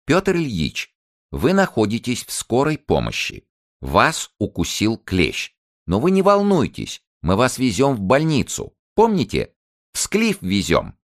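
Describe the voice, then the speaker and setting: A man voicing a shrill, excitable young female paramedic who lectures and squeals. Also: moderate pace. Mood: lecturing.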